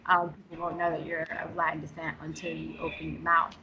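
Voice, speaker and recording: A woman's voice: sits low, completely flat delivery, fairly quick, lo-fi sound. Chatty woman from New York, crowd behind. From New York, United States. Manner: frank and chatty, many fillers and restarts. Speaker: interview guest. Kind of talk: casual conversation.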